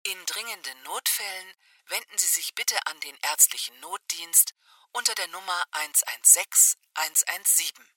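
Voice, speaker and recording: A woman playing an automated phone menu and answering announcement, speaking in a measured, scripted way. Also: lowish voice, bright, forceful tone, far from the mic, full character voice, low-quality recording. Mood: neutral, formal. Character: female automated voicemail and telephone announcement voice.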